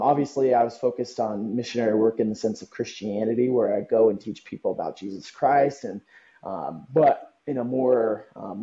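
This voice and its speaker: As a podcast interview guest, a young adult man from Southern California speaks earnestly, pausing on ums while he reflects. His lowish voice is very dark and mellow, and the audio comes across dull and lo-fi.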